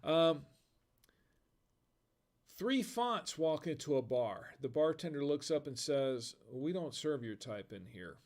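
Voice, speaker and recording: A man's voice: on the high side, very animated, a little slow, hardly any pauses, darkish tone. An American man hosting a casual live stream, telling corny bar jokes, chuckling at them himself and reading viewer comments aloud. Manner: tells dad jokes and laughs at them; reads chat comments aloud. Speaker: livestream host.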